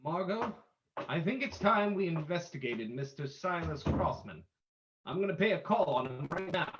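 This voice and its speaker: A man's voice: fairly high pitch, lively intonation, normal speed, noisy background, natural voice. A man playing a commanding, unseen crime-fighting sleuth in an old-time radio drama reading, formal and theatrical. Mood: brisk, composed. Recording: dull lo-fi audio.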